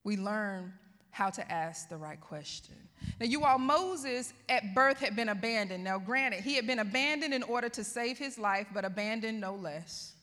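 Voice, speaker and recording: A woman's voice: mid-range voice, expressive, normal speed, sharp tone. A woman pastor preaching a sermon, calling out to her congregation. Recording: reverberant hall.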